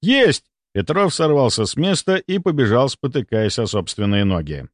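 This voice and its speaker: A man's voice: medium pitch, very animated, normal speed, no room sound. A man narrating a first-person audiobook in a dry, sardonic manner.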